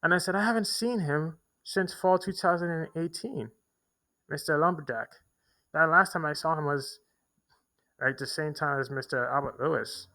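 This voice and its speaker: With a slightly high, bright and forceful voice at a moderate pace, a young vlogger tells a long personal story on camera from a homeless shelter in a big city. He rambles and repeats himself, restarting often and using many fillers, and the recording is low quality.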